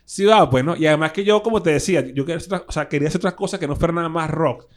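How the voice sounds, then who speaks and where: Venezuelan guy rambling thru band stories, kinda high voice, slangy, lots of fillers. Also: rapid-fire. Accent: Venezuelan Spanish (Caracas). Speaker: guest musician, guitarist. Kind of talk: casual chat, storytelling.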